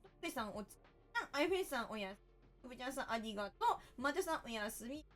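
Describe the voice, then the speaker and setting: A woman's voice: on the high side, lively intonation, racing, fairly bright tone, soft background music. A woman game streamer, chatting casually and thanking viewers one by one.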